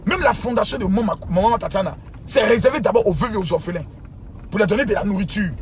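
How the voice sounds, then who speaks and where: A pastor, a man, speaking to his followers in an impassioned, scolding rant. He repeats himself and swings from low muttering to shouting. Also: fast talker, a crowd in the background.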